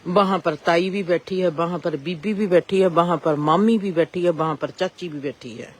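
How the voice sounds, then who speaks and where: A woman's voice: fairly low pitch, normal speed. A woman gives a reflective spiritual discourse and asks rising rhetorical questions. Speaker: spiritual speaker.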